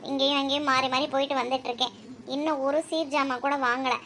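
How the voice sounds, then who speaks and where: A woman voicing a harried middle-aged cartoon mother grumbles in a high, bright voice. Her talk is a steady stream of complaints and scolding. A light hiss runs underneath. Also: fast talker. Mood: grumbling.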